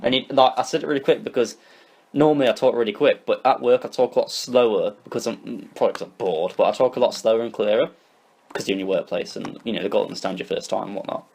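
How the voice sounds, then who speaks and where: Young British guy, podcast co-host, rapid and animated, tumbling over his words. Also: fairly low pitch, gravelly, slightly rough. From Britain. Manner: rapid, animated storytelling with many restarts. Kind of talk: casual chat.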